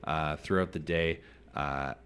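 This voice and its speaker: A man in his thirties hosting a casual interview, talking in a rambling, animated way and laughing often. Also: extremely low pitch, slow, clear, resonant tone. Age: 30s. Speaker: podcast host.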